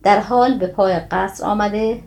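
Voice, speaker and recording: A woman reading a classical tale aloud in a steady, old-fashioned literary manner. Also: medium pitch, slight background noise. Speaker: storyteller.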